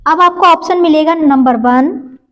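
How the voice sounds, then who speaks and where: High-voiced woman teaching a class. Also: a bit bright, poor audio. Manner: asks the class questions and answers them herself; repeats points slowly and stretches out sounds. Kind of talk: classroom-style grammar lesson.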